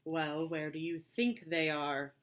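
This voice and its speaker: Woman doing a dry slow sarcastic cat, storybook style. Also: low-pitched, fairly even intonation. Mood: sardonic.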